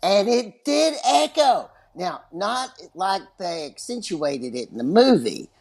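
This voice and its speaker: A man's voice: sits high, very animated, takes it slowly. A man with a West Texas twang, chatting casually and enthusiastically as a podcast guest. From West Texas, USA. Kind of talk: casual chat.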